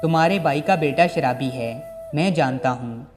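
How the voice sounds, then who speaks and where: A man's voice: fairly high pitch, moderate pace, close to an everyday voice. A man voicing a stern, fair-minded older uncle in a storybook reading, with a reproachful manner. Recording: long reverb with background music.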